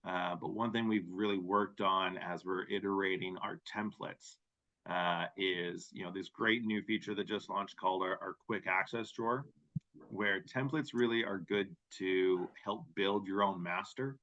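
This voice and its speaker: A man hosting a webinar and demoing software, casual and conversational. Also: low voice, steady tone, unhurried. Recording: dull lo-fi audio.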